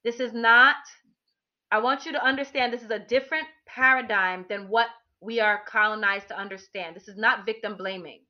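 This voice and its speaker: A woman's voice: fairly high pitch, normal speed. Candid woman telling a personal story. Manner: candid, animated, frequent restarts and fillers. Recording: dull lo-fi recording.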